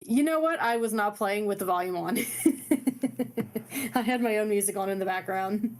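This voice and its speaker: A woman's voice: medium pitch, measured pace. A woman co-hosting a gaming podcast in casual chat, rambling with lots of fillers. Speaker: podcast co-host.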